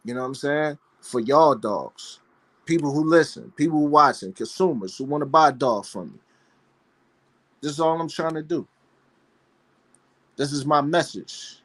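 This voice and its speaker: Man, fairly high voice, fervent, preachy, casual livestream host, repeats his words. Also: normal speed, long pauses, fairly bright tone. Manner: rhetorical questions, repeated phrases. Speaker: dog breeder hosting a live panel show. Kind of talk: casual passionate monologue.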